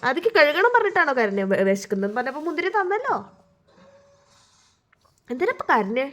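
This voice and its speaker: A mother in a casual home vlog, gently coaxing her small child and patiently repeating the same questions. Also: sits high, sing-song, brisk. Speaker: mother vlogging with her toddler.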